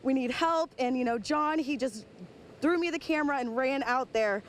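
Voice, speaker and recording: A woman's voice: sits high, normal speed, a little hiss or hum. A woman field reporter out of breath, giving an urgent, flustered live report outdoors in a storm.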